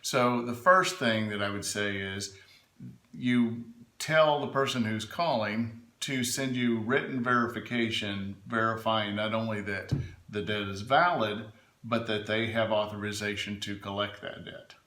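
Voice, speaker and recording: Male adviser, lowish forceful voice, emphatic explainer in a conversational interview, roomy sound. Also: steady tone, measured pace. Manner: emphatic, checks in with "right?" and "okay?". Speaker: legal adviser being interviewed. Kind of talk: informal explanatory interview answers. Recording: echoey room.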